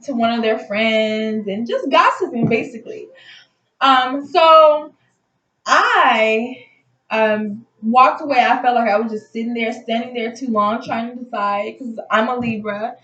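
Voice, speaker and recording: This is another casual storytime to camera, with the woman telling a personal tale in a loose, conversational way as if talking to her viewers. Her voice sits a little high, sounds fairly bright, and moves unhurriedly. Roomy echo and mildly dull lo-fi sound color the audio.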